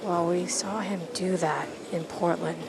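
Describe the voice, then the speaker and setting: A woman's voice: lowish voice, fairly even intonation, a little slow, creaky. A woman giving conversational live golf commentary from out on the course. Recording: very noisy outdoor course ambience. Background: loud ambient noise.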